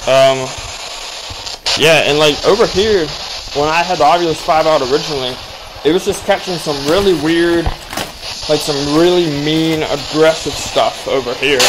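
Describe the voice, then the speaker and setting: A young man talks casually into a camera held close as he walks through woods and ruins. His voice sits a little high, and he rambles along with many fillers. Loud static hiss runs under everything he says. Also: normal speed. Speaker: paranormal explorer vlogger. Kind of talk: casual walking vlog narration. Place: outdoors in woods and abandoned buildings. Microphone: action camera held or worn close. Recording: loud background noise from a device. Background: constant static hiss from a spirit box.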